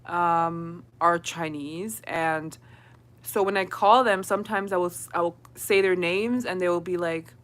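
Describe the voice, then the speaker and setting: A woman's voice: lowish voice, measured pace, fairly bright tone. A young woman hosting a casual livestream, chatting with viewers, answering comments and laughing often. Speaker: livestream host. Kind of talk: casual live chat with viewers.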